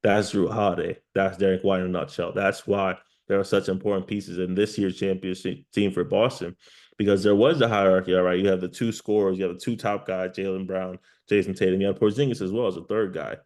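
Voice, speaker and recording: Male sports pundit, deep and flat in pitch, analytical, emphatic interview delivery. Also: a little fast. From New York. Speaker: sports journalist, interview guest.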